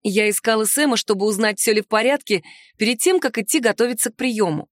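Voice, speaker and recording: A woman telling a first-person fantasy story with a lively, sharp-edged delivery. Her voice sits fairly high, and the recording is close and dry with no room sound. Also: quick pace, dry recording. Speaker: audiobook narrator. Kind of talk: first-person audiobook narration.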